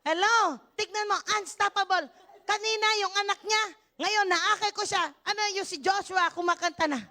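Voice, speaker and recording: An older woman from the Philippines preaching a church sermon, animated, breaking into shouted hallelujahs and laughter. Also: very high-pitched, moderate pace. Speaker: pastor. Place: church service.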